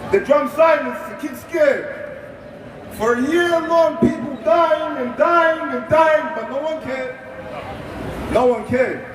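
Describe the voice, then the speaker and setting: A man's voice: very high voice, takes it slowly, slight background noise. A young man from Australia performing a rhyming spoken word poem at an outdoor rally, in a rhythmic delivery. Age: young adult. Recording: echoey, distant outdoor PA.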